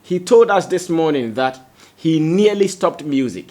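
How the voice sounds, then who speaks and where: A man's voice: on the high side, animated, measured pace, darkish tone. A Ghanaian man hosting an entertainment news roundup, talking to viewers directly in a conversational, emphatic way.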